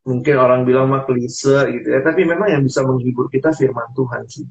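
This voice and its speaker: A man's voice: mid-range voice, steady tone, brisk. Earnest man on lo-fi audio. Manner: earnest, acts out quoted dialogue. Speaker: guest speaker.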